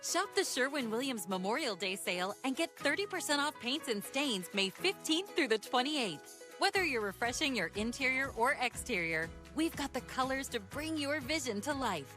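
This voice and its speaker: A woman's voice: high-pitched, sing-song, normal speed. A woman reading a scripted retail advertisement as a commercial announcer. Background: music.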